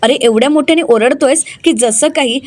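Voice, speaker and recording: A woman's voice: high-pitched, a little fast. A woman voicing a teasing young sister-in-law in a serial recap.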